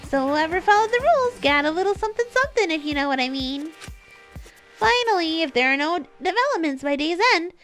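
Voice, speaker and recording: A woman's voice: extremely high pitch, fairly bright tone, pitched above the performer's own voice, heavily acted. A woman voicing a gleefully sinister killing game announcer, mocking and singsong, toying with captives in a theatrical villain announcement.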